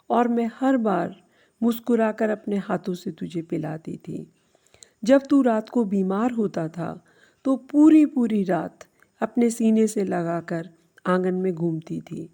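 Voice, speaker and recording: A woman voicing an aging mother who speaks calmly and gently in a storybook tale. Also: medium pitch, creaky. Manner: calm and gentle. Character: aging mother, patient, loving, stern.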